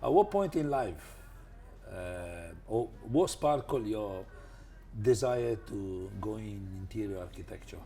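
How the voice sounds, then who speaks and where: A man hosting a podcast interview, effusive in his praise and often halting and restarting mid-sentence. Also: lowish voice, lively intonation, mellow, soft background music. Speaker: podcast host.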